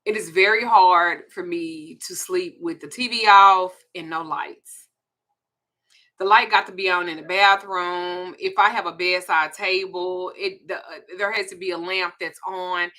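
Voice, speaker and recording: A woman's voice: on the low side, steady tone, normal speed, bright, forceful tone. A woman in her forties with a Southern US accent, hosting a candid, profane, confiding casual chat. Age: 40s. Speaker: host.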